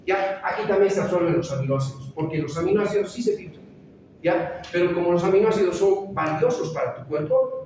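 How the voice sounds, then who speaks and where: In a reverberant hall captured from far away, a female physician teaches medical students, blending in stories from the clinic and often checking on her listeners. She speaks with a lowish, dark voice, and a little hiss or hum is audible.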